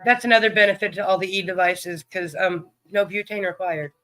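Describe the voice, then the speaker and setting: A man's voice: high-pitched, fairly even intonation, a little fast, bright, forceful tone. A man hosting a livestream in casual chat, greeting viewers by name. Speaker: livestream host.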